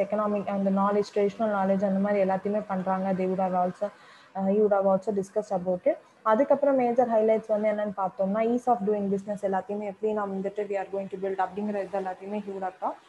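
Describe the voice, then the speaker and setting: A woman's voice: mid-range voice, dark tone, a little hiss or hum, low-quality recording. A woman with a Tamil accent teaching an exam revision lesson on current affairs, switching between Tamil and English with frequent fillers and restarts.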